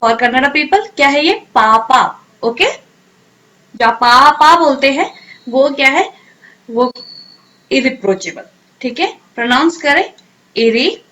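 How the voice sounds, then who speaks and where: A woman teaching English vocabulary in a drill lesson, asking each question and then answering it, and sounding words out slowly syllable by syllable. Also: high-pitched, expressive, sharp tone, low-quality recording. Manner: repeats questions and answers, slow drilled pronunciation.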